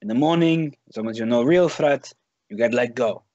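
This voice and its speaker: A man's voice: medium pitch, normal speed, a little mellow, highs cut off, lightly acted. A man voicing an impatient armed male cop who talks in blunt, clipped threats. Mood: curt. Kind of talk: in-character tabletop role-play.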